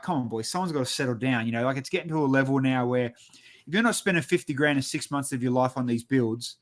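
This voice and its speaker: A man hosts a relaxed hobby chat. His talk is informal and blokey, at a middling pitch, like a mate among mates. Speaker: host of a hobby show. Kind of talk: casual chat.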